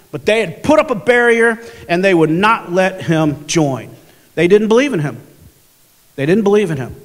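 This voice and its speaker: A man's voice: sits high, long reverb tail. A man preaching a sermon as pastor, telling stories and stressing his points with emphasis. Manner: storytelling preacher, animated and emphatic. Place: large church sanctuary.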